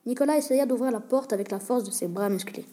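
A woman reading a short school story aloud in a plain, even way. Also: fairly high pitch, quick pace. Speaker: story reader.

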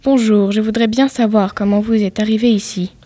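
A woman's voice: mid-range voice, steady tone, a little fast, warm tone, no echo, close to an everyday voice. A woman reading the lines of a female interrogator at a secret hideout, in her own plain voice. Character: female interrogator, polite then careless.

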